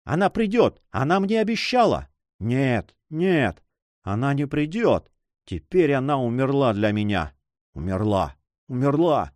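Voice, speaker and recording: A grieving, feverish nobleman captain speaks weakly and brokenly in an audiobook story, voiced by a male reader. His pitch rises and falls in lively swings. The sound is dry and close. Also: unhurried, no room sound. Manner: weak, broken speech. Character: feverish grief-stricken nobleman sea captain.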